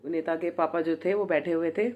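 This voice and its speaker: A woman's voice: sits low, fairly even intonation, normal speed, a little mellow, dull audio. A woman hosting her storytelling channel, telling a moral tale in a chatty, casual way with lots of fillers. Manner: chatty, full of fillers and restarts.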